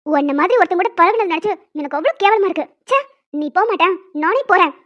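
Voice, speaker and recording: A woman voicing a stern young female professor who lectures and scolds in an animated story. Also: very high voice, fast talker, lo-fi sound. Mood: angry.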